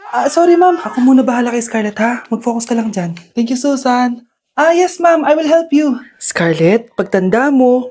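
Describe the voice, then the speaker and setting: A woman performing short comedy skits and playing every role herself, switching between shrill and low character voices. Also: mellow. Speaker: comedy skit creator playing every part. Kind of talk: comedic skit acting with many characters.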